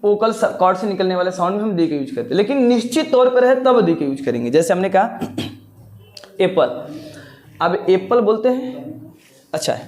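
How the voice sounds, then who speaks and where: A man's voice: sits high, sing-song, normal speed, long pauses, darkish tone. Man teaching step by step. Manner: explains step by step, repeats words, asks rhetorical questions. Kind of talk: grammar lesson.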